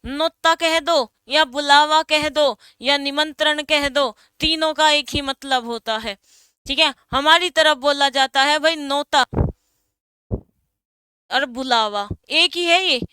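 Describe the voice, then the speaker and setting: A woman's voice: sits high, takes it slowly, sharp tone, dry recording. A young adult woman teaching an exam coaching lesson, calling out word pairs one after another and stressing the most important items.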